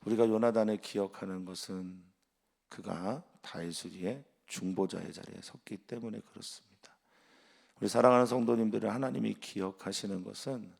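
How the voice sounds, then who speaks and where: A male pastor preaching an early-morning sermon, measured and explanatory, trailing off softly at the ends of phrases. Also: on the low side, vocal fry.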